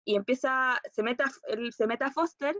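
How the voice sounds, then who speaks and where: A young woman with a Chilean accent recounts a personal story as a monologue exercise. Her voice sits a bit high, and she keeps circling back with fillers and self-corrections. The recording is dry and a little muffled. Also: moderate pace, fairly bright tone, dry recording. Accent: Chilean Spanish. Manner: rambling, hesitant storytelling with fillers and restarts. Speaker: acting student.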